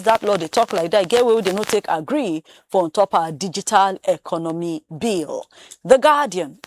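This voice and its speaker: A woman with a Nigerian accent reviewing newspaper headlines in Pidgin. Her pitch sits mid-range and her delivery is brisk, jumping up for emphasis on big stories. The sound is close and dry, with no room around it. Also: no echo. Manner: brisk, animated headline reading with emphatic rises.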